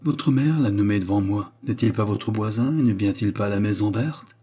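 A man's voice: fairly low pitch, moderate pace, mellow, lightly acted. A man voicing a sarcastic young man. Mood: sarcastic probing. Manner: insistent, half-ironic questioning.

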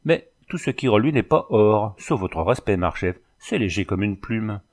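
A man's voice: on the low side, lively intonation, normal speed, darkish tone. A man reading the lines of a blunt former soldier who jokes with mock deference. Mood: jocular. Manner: jocular, deferential.

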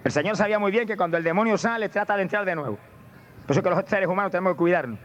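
Fervent high-voiced preacher, lo-fi tape. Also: male voice. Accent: Puerto Rican Spanish. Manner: fervent, swings from low asides to high exclamations of praise. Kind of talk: sermon. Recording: dull lo-fi tape with faint noise.

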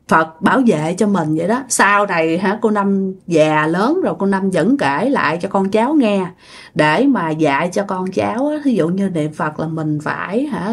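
Chatty woman storyteller. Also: mid-range voice. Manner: chatty and animated, with repeated words and regional fillers. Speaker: storytelling channel narrator. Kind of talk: spoken ghost and spiritual story narration.

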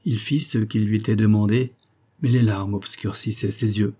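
Male audiobook narrator, measured delivery, husky and dark. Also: fairly low pitch, steady tone. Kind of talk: scripted narration.

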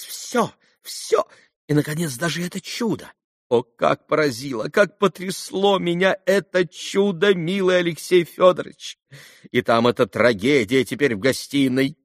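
A man's voice: on the high side, no room sound, studio quality, voice pushed up. A man doing a fretful, gushing mother. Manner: breathless, fretful and theatrical. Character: fussy, nervous middle-aged mother, gushing. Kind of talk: audiobook character reading.

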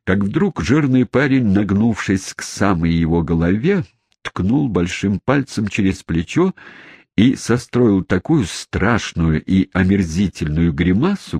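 A man reading a storybook aloud in an expressive, dramatic narration. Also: fairly low pitch, slightly rough, dry recording, clean studio sound. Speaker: audiobook reader. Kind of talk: scripted narration.

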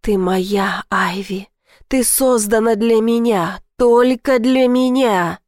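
A woman reading the lines of a passionate, possessive young man, murmuring low and husky. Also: takes it slowly, a little mellow, no echo, clean studio sound.

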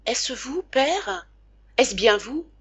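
A woman reading the part of a sick young boy who speaks softly and with wonder. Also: sits high, lively intonation, very slow, husky, dry recording, highs cut off, pitched above the performer's own voice, heavily acted.

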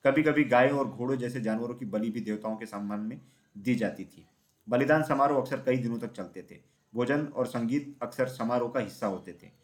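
A man narrating a children's storybook in a steady, even reading voice. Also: medium pitch, fairly quick.

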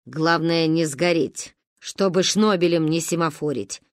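A woman voicing a stern, sharp-tongued old grandmother who lectures and grumbles, in a dry close recording. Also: low voice, measured pace, no echo, pitched below the performer's own voice. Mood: grumbling. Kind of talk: audiobook character voice.

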